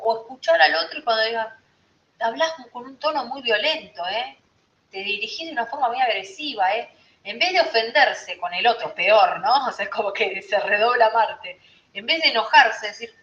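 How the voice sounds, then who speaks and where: A woman's voice: mid-range voice, fairly bright tone. Rioplatense woman, astrology teacher, chatty lesson style that keeps checking in with the group; echoey room. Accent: Rioplatense Spanish. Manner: conversational, checks in with listeners often. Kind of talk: informal teaching talk to a group. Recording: roomy, slightly dull recording.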